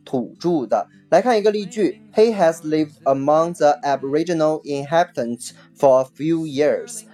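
A vocabulary teacher giving a recorded lesson, patiently explaining, repeating each key word twice and spelling it out slowly letter by letter. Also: mid-range voice, warm tone, soft background music. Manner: spells words letter by letter, slow and deliberate.

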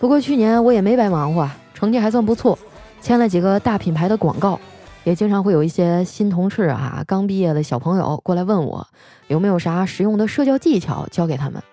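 A woman's voice: mid-range voice, fairly quick, soft background music. Wry young woman telling comic stories. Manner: wry, deadpan punchlines with playful quoted voices. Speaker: radio host. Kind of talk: comic storytelling monologue.

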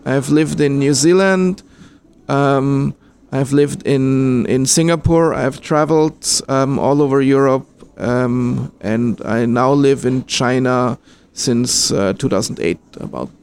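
A man from Austria answering interview questions in a casual, hesitant way, with many pauses and restarts. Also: medium pitch, gravelly, a little mellow, clean tone. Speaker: interviewee, fan filmmaker.

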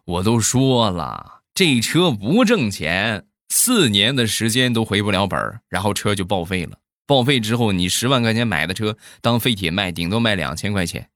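A man's voice: lowish voice, expressive, normal speed, few pauses, a bit bright, no room sound, studio quality. A man doing an earnest protesting neighbor.

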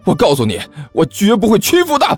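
A man voicing a cheeky male student who loudly plays innocent and protests. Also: sits high, wildly swooping pitch, moderate pace, faint music behind, pitched above the performer's own voice, full character voice. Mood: indignant.

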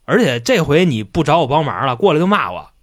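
An indignant middle-aged heavenly king, as a man puts him on scolds in a low, aggrieved voice. The delivery is dry and close to the mic. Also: big pitch swings, fast talker, dry recording.

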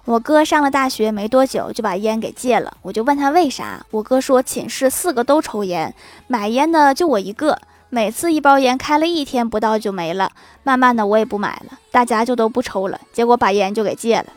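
Female comic narrator, a bit high, dead-dry studio sound, wry asides after each joke. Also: expressive, a little fast, dry recording. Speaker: narrator of funny anecdotes. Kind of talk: reading funny anecdotes aloud.

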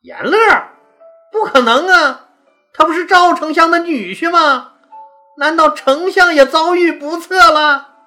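A weak young emperor, stammering and frantic, as a woman storyteller puts him on. The voice rides well above her usual pitch, lively and bright. Faint music plays underneath. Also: a little slow, heavily acted. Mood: panicked. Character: young weak male emperor, panicked and helpless.

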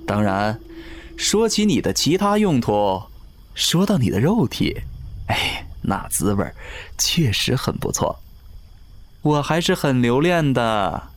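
A man voicing a sneering undying seducer. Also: mid-range voice. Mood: mocking. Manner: sneering, mocking, slow and drawn out. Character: ageless male river-god servant, cruel gloating seducer. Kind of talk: audio drama acting.

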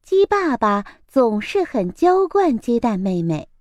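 A woman hosting a children's story program, reading a picture book aloud in a gentle, expressive way. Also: a little high, unhurried, dry recording. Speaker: storyteller host.

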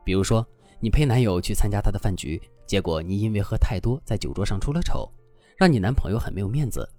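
Guy reading out dating tips, lowish voice that moves around a lot, instructive. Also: quick pace, faint music behind. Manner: instructive, expressive. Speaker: dating advice narrator. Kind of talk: scripted narration.

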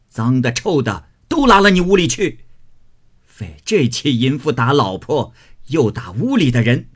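A man voicing a stern, scornful old matriarch who scolds and commands her grandson, in a husky voice. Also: mid-range voice, voice pushed up, lightly acted.

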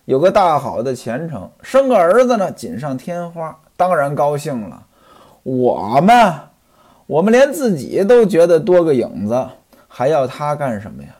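A man's voice: on the high side, wildly swooping pitch, a little slow, a little mellow, full character voice. A man voicing a poor, wheedling middle-aged hanger-on who pleads and complains in a storyteller's acted dialogue. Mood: complaining.

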